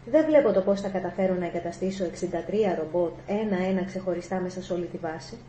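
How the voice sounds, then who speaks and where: Gruff, threatening general, read by a woman; mellow tone, echoey room. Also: on the low side, a little hiss or hum, close to an everyday voice. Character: gruff angry male general. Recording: echoey room, faint ambience.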